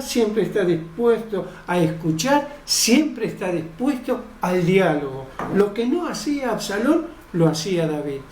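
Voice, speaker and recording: Slow-preaching woman in an echoey room. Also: mid-range voice, a little mellow, distant mic. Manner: slow, emphatic preaching with repeated phrases. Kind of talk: sermon.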